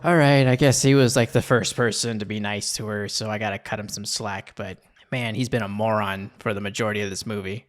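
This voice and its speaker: A man's voice: lowish voice, fairly even intonation, a little fast, hardly any pauses. A man giving casual, informal and sweary reaction commentary while watching an anime film. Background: faint music from the film.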